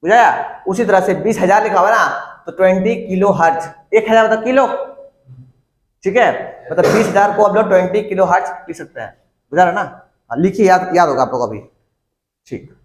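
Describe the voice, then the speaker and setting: High-voiced man teaching in an echoey classroom. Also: normal speed. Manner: repeats and dictates terms to students, asks them questions. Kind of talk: classroom lecture.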